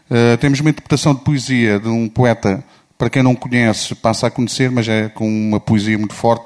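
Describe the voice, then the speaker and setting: Hesitant Portuguese man, low voice. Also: darkish tone. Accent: European Portuguese. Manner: hesitant, full of fillers. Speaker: festival organizer. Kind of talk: opening remarks at an event.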